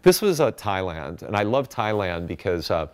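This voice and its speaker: A man with a very low, deep voice gives a chatty slide talk at a festival. He speaks with eager enthusiasm and often stumbles into fillers and restarts. He is picked up by a stage microphone. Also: very animated, moderate pace. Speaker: conference speaker. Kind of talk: casual presentation talk with slides.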